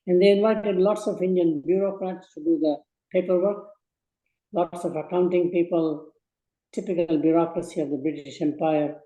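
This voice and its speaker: A man in his eighties from Burma, giving slow, measured advice in a speech to students. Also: a little high, warm tone, roomy sound, lo-fi sound. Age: 80s. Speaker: guest speaker.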